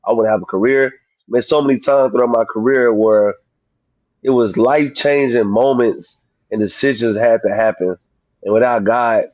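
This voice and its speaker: A man's voice: mid-range voice, darkish tone, no room sound, highs cut off. Slushy-talking man in his thirties, close and dry. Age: 30s. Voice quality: slurred, slushy sibilants from a mouth grill. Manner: informal, slangy, frequently saying "man". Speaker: professional boxer, interview guest. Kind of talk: casual interview chat.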